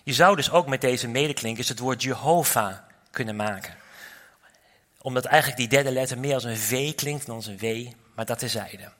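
A man's voice: mid-range voice, moderate pace, a bit bright, long reverb tail. A man giving a sermon, explaining a Bible passage in a teaching manner with chatty asides to his listeners. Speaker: preacher.

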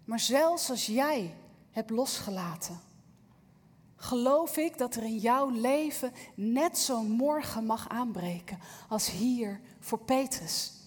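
Woman preaching, earnest and reflective, a bit high, husky, long echo from a big hall. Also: lively intonation, slow pace, darkish tone. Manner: earnest, reflective, addresses listener directly. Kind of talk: sermon with Bible reading.

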